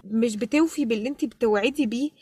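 A woman's voice: on the high side, very fast, mellow, husky, no room sound. A woman with an Egyptian Arabic accent chatting casually as a podcast co-host, moving between Arabic and English mid-sentence. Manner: mixes English phrases into Arabic. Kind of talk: casual chat.

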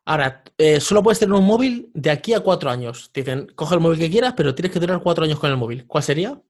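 A man's voice: on the high side, lively intonation, quick pace. A man hosting a podcast and asking casual, chatty questions. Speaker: podcast host. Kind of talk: casual interview.

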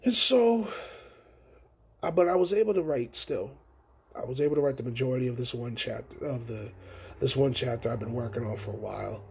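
Gravelly, husky young man rambling casually. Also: mid-range voice, fairly quick, darkish tone. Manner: rambling, profane storytelling with slang. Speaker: podcast host. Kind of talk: casual solo podcast chat.

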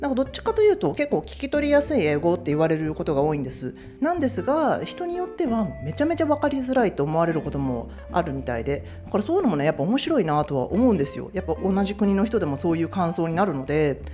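A woman's voice: on the low side, very animated, racing, hardly any pauses, mellow, soft background music. A woman from Japan, hosting in a chatty, casual storytelling style, with many fillers. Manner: chatty, lots of fillers, acts out quotes. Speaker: host.

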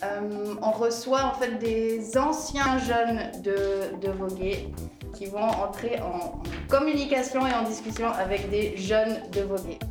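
A woman's voice: medium pitch, unhurried. A woman hosting and moderating a podcast roundtable, speaking hesitantly with many fillers. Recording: roomy, distant mic, music behind.

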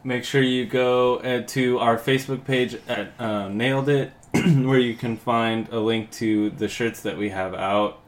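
A man's voice: mid-range voice, fairly even intonation, unhurried. A man hosting a casual podcast, talking loosely and laughing often. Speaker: podcast host. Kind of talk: casual chat.

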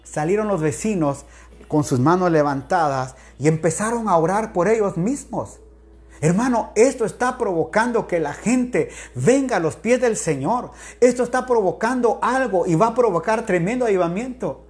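A man pastor giving a daily sermon from home, loud, extroverted and exclamatory, with many direct appeals to the listener. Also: sits high, lively intonation, normal speed.

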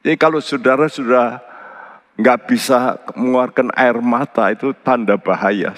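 A man preaching a sermon, earnestly addressing his listeners. His voice leaps high for emphasis, then drops low and quiet on solemn points. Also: moderate pace. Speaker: pastor. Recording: long hall reverb.

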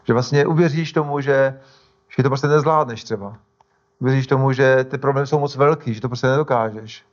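A man's voice: medium pitch, lo-fi sound. A male pastor preaching a sermon in a conversational way, often stopping to restart and correct himself.

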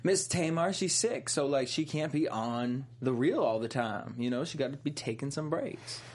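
Low-voiced sassy young woman gossiping. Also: moderate pace, slightly rough. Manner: sassy, expressive, slangy storytelling. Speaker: co-host. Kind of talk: casual celebrity gossip chat.

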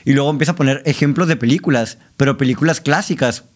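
A man's voice: medium pitch, fast talker. A man with a Mexican accent, a director and teacher, talking casually as a podcast guest, full of slang and "¿no?" tag questions. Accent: Mexican Spanish. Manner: animated, slangy, many fillers and tag questions.

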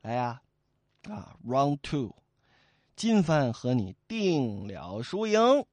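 A man's voice: medium pitch, expressive, unhurried, husky, no echo, voice pushed down. A cocky male fisherman jeers and dares his foe with swaggering taunts, as a man acts him out. The voice swings up and down with relish, close and dry. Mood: smug. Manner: taunting, cheeky.

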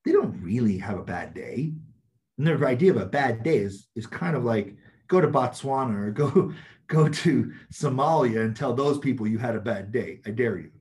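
A man's voice: medium pitch, lively intonation, normal speed, a little mellow. A man talking bluntly and emphatically as an interview guest, laughing often as he makes his points. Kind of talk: casual chat.

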